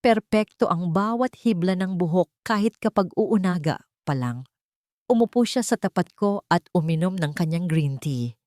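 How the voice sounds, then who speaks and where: A woman with a Filipino accent narrates a scripted story in the dramatic style of an audiobook. Her voice is lowish and somewhat mellow, with lively intonation at a moderate pace. The studio recording is clean, with no echo.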